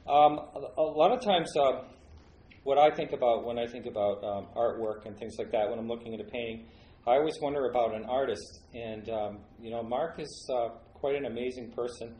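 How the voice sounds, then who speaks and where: A podcast host with a medium-pitched, warm voice speaks a little fast, firing off enthusiastic, rambling questions loaded with fillers during a casual interview. He's recording in a large home studio that sounds roomy, with faint ambience and a slight hiss or hum.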